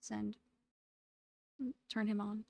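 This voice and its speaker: A woman's voice: mid-range voice, completely flat delivery, drawn-out words, creaky, dry recording. A woman streamer chatting casually with her viewers, laughing often and rambling with lots of "like" fillers. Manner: giggly, rambling, full of "like" fillers. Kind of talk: casual livestream chat.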